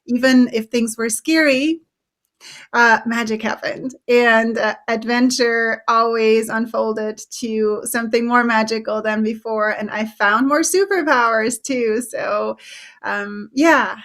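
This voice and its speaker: A woman talks as a guest in a live interview. Her voice sits fairly high, and she sounds bubbly, laughing often and pausing on ums as she gathers her thoughts. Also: fairly even intonation, a bit bright. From Switzerland. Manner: bubbly, laughs often, uses many fillers. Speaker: author and guest.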